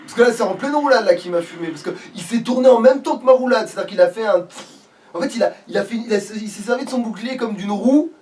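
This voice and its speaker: Here a let's play gamer talks quickly in a high-sitting but darkish voice, keeping up loose, sweary, slangy chatter about his game. Background noise comes through the distant mic.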